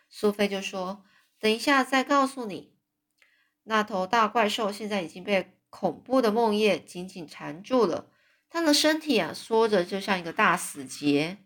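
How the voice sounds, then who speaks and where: A woman reads a children's story aloud, in a mid-range voice. She breaks off now and then to explain things in a chatty, loose way, with fillers and small restarts. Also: medium pitch. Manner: animated, adds chatty asides and fillers.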